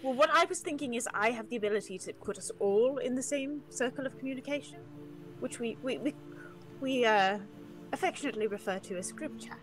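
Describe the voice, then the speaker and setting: A woman's voice: a little high, a little fast, poor audio. A woman in a tabletop role-play game, talking things over casually in a hesitant, questioning way. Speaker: player in a tabletop game show. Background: music.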